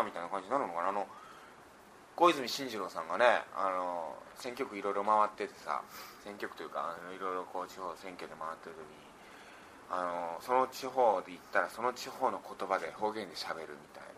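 A man's voice: low-pitched, sharp tone, a little hiss or hum. Laid-back man chatting on late radio. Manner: laid-back, reads listener messages, laughs often. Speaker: radio personality. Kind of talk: relaxed radio chat. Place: radio studio.

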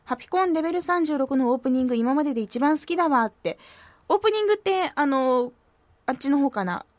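A woman radio host talks fast in a high, expressive voice, recorded dry. Casual and playful, she mocks herself, reads listener posts with a slight lilt and puts on silly voices.

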